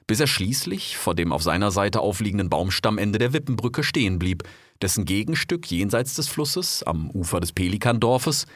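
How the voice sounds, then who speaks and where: A man's voice: lowish voice, dry recording, clean studio sound. A man narrating a story in long, flowing descriptive sentences.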